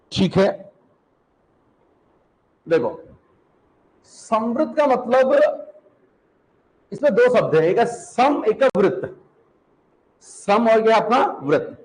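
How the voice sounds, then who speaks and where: A male teacher with a high, lively voice that rises and falls a lot. He speaks slowly and repeats each term so students can take notes. He asks the class questions and then answers them himself. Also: low-quality recording. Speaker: Hindi teacher. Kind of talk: classroom lecture.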